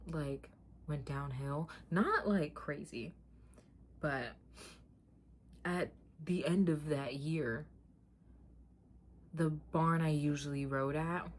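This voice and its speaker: A young woman with a fairly low voice chats candidly to her viewers like a vlogger. Her storytelling is animated and slangy, with points repeated for emphasis. There is clear ambient noise behind her. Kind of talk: casual chatty storytelling to viewers.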